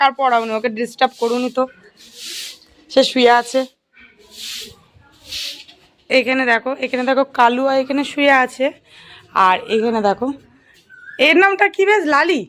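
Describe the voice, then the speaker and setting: High-voiced chatty woman vlogging. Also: fairly bright tone. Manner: chatty, pointing things out to viewers, soothing a crying child. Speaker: family vlogger, mother. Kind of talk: casual family vlog narration to camera. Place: at home with family around.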